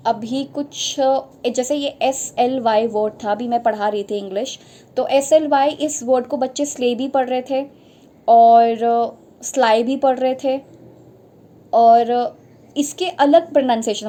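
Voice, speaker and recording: A woman's voice: a little high, mellow. A young adult woman tutoring for teaching exams, explaining step by step in a spoken lesson, often repeating her points and slipping in English phrases.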